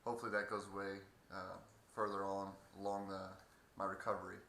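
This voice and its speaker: A man giving a halting, hesitant casual video update with a sore throat two days after surgery. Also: low-pitched, little pitch movement, sharp tone. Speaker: patient vlogger. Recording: echoey room, faint background noise.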